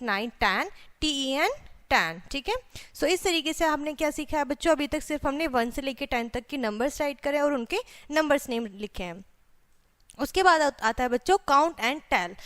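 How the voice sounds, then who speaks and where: A woman's voice: high-pitched, a bit bright. A woman teacher walking young children through a math workbook, counting aloud and spelling out number names letter by letter, mixing English into her Hindi and checking in with them often. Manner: addresses children directly, frequent "theek hai" check-ins; mixes English words into Hindi speech. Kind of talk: children's math lesson walkthrough.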